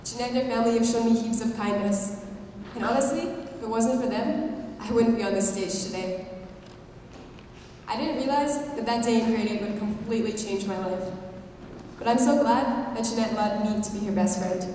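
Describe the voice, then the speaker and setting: A woman's voice: moderate pace, mellow. A young woman delivering a prepared, personal speech from a stage. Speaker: speaker at an assembly. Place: large indoor hall, on stage. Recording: echoey hall from far off, rumbling noise.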